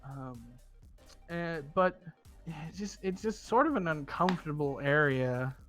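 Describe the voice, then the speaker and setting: A man speaking as game master, narrating and giving instructions in a halting, informal way with casual swearing. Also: fairly high pitch, a bit bright. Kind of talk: narrating and running a tabletop game. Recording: music behind the voice. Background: music.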